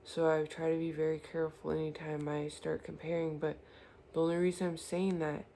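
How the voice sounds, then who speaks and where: A woman's voice: sits low, flat delivery, a little fast, warm tone, slight background noise. A woman giving an earnest, reassuring spiritual tarot reading, speaking directly to the viewer. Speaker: tarot reader.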